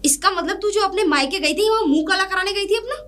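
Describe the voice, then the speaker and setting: High bright taunting sister-in-law, played by a woman. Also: quick pace. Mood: scolding. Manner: taunting, scolding. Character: scornful elder sister-in-law, sharp-tongued. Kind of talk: hobby family drama acting.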